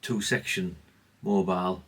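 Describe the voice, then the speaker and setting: A hobbyist presenter gives a casual, off-the-cuff show-and-tell, rambling, self-effacing and understated. His voice is low and husky, with fairly even intonation and an unhurried pace. He sounds recorded from a distance.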